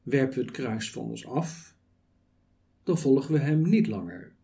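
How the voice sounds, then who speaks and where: A man preaching a sermon, building it on rhetorical questions and measured lists. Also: medium pitch, expressive, creaky, mellow.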